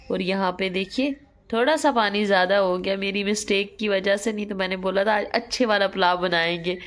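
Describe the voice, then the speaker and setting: A young woman who sells from a street cart, chatting casually to her phone in a small room at home. She is hoarse from a cold and fever and sounds sleepy and weary as she rambles. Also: medium pitch, echoey room. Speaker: vlogger and street cart vendor. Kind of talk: casual vlog talk to camera. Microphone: phone held by hand.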